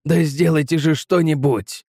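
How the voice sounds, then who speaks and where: A man reading a frantic, shaken middle-aged shopkeeper who pleads and shouts in alarm for help. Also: fairly high pitch, fairly even intonation, a little slow, slightly rough, no echo, clean studio sound.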